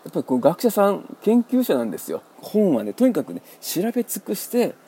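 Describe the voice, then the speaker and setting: A man hosting a radio book talk, explaining in a wry, measured way. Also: high-pitched, wildly swooping pitch, dark tone, slightly rough. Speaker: radio host.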